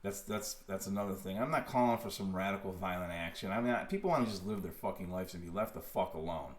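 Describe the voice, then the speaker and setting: A man hosting his own podcast, ranting profanely about government and safety, sliding from low mutters to loud outbursts and often restarting his words. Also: fast talker, reverberant. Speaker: podcast host. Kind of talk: impassioned political monologue.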